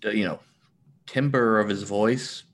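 A man with a fairly low voice hosts a casual podcast. He banters dryly and plays jokes straight and mock-earnest. His talk is loose and conversational. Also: slow, slight background noise. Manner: dry, mock-earnest joking. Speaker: podcast host.

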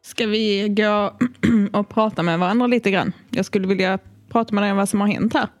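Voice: mid-range voice, steady tone. Polite, hesitant player at a tabletop game.

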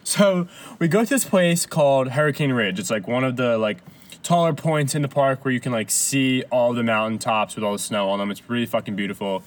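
A man telling a long story in casual chat, animated and full of swearing and laughter. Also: medium pitch, a little fast.

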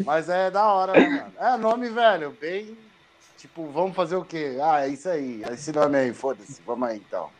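A man's voice: fairly high pitch, animated, moderate pace, crowd noise. A Brazilian man chatting casually as a podcast guest, laid-back, slangy and prone to swearing. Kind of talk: casual chat.

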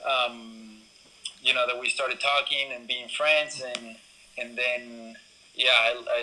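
A man's voice: mid-range voice, bright, forceful tone, low-quality recording. A young man from Ecuador, a BMX racer, talking casually in an interview with lots of fillers and restarts. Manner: rambling, many fillers and restarts.

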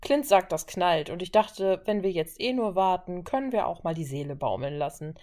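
A woman voicing a relaxed, playful woman who calls out cheerfully to the men. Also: lowish voice, moderate pace, close to an everyday voice. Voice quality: laid-back, laughing.

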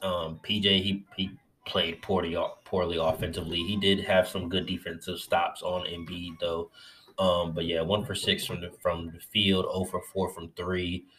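A man giving a casual, profane recap of his team's win, excitable and swearing often, while getting over covid and feeling a bit lightheaded. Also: low voice, normal speed. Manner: loose, profane, excitable fan talk. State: recovering from covid, a little lightheaded. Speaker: sports fan vlogger.

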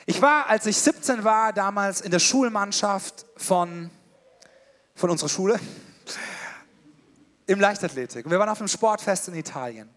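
A middle-aged male pastor preaching a sermon. He speaks in a lively, emphatic, colloquial way and talks directly to the congregation. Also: high-pitched, moderate pace, pauses often.

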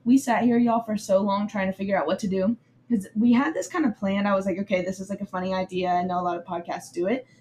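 Young woman, podcast host, casual and giggly, mid-pitched. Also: fairly even intonation, fast talker, darkish tone, a little hiss or hum. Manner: chatty, laughs often, upbeat. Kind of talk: casual chat.

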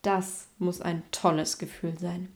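Woman voicing a male elephant, storybook, cheerful, wistful, loud. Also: fairly low pitch, little pitch movement, unhurried.

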